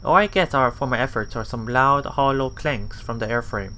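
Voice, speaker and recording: A let's play host with a mid-range, sharp-toned voice reads a visual novel aloud. He halts and corrects himself, muttering casual asides along the way.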